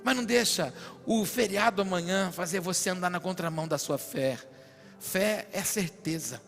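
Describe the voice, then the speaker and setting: A Brazilian pastor preaches in a high, ringing voice that climbs into shouted prophetic declarations. The sermon carries a long church-hall echo, with faint worship music underneath. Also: male voice. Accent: Brazilian Portuguese.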